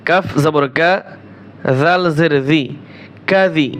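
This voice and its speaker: A man's voice: fairly high pitch, fairly even intonation, a bit bright. A man teaching Quran reading, spelling Arabic words out syllable by syllable and repeating each word. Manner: slow, drawn-out syllable-by-syllable spelling with repetitions. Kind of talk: spelling-out recitation lesson.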